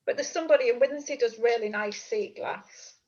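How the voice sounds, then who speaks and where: A woman, a class participant chatting in a relaxed way. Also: on the high side, a little fast. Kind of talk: casual video-call chat. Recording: dull lo-fi call audio.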